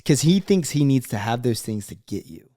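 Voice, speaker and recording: A man's voice: mid-range voice, sing-song, moderate pace, mellow, no room sound, studio quality. An American man co-hosting a casual advice chat, plain-spoken and opinionated, often acting out imagined quotes as he talks. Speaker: co-host giving dating advice.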